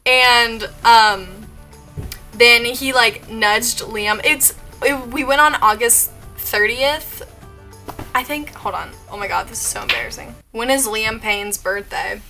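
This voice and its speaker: A woman's voice: fairly high pitch, slow, gravelly, bright, forceful tone, faint music behind. A young woman telling a story in a casual vlog, gushing and giggly, with lots of "like" and restarts. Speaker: vlogger.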